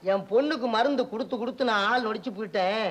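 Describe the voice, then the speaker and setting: A man playing a gruff scheming old father. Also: high-pitched, fast talker, close to an everyday voice. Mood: grumbling. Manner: gruff, scolding, barking orders. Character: scheming bad-tempered father, older village healer. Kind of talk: old film comedy dialogue.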